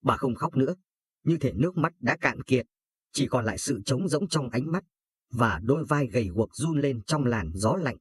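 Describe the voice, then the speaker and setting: Husky male storyteller, solemn. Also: mid-range voice, animated, normal speed. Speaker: narrator. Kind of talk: scripted narration.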